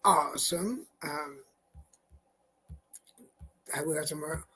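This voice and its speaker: A man's voice: a little high, slow, pushed and bright, husky. A man co-hosting a live online show, chatting casually and rambling with fillers while wrapping up announcements. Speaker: co-host. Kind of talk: casual live-stream chat.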